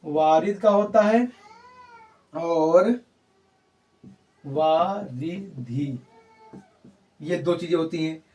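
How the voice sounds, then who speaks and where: A man's voice: a little high, takes it slowly, long pauses, a little mellow, far from the mic. A male teacher giving a grammar lesson, coaxing his students, repeating his points and quizzing them with questions.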